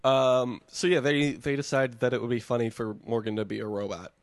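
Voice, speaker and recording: A man's voice: medium pitch, flat delivery, brisk, dry recording. A man from Michigan, co-hosting a casual chat and recapping a reality show with sarcastic jokes. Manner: joking, sarcastic, swears. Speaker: podcast co-host.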